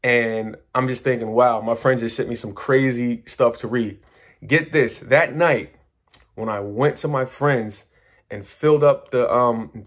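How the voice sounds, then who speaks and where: A manifestation coach with a medium-pitched voice talks casually to his viewers, rambling excitedly through a story. He uses slang, swears, and keeps restarting.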